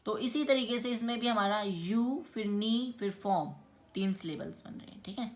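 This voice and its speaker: A woman teaching a grammar lesson, explaining step by step and spelling words out letter by letter. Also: mid-range voice. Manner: explains slowly, spells words out letter by letter, often checks with "theek hai". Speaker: English teacher.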